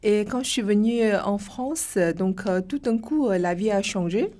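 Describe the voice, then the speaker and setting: A woman's voice: mid-range voice, moderate pace, mellow. Hesitant woman from China, searching for words. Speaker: club co-founder guest. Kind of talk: interview.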